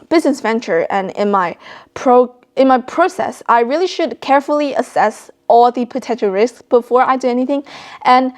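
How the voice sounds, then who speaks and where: Being interviewed about her own project, this high school student author speaks in a high teenage voice. She comes from China and later lived in Australia.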